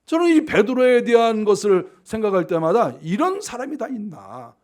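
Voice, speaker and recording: A man pastor giving a sermon in an animated way, acting out scenes and scolding his listeners. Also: sits high, normal speed.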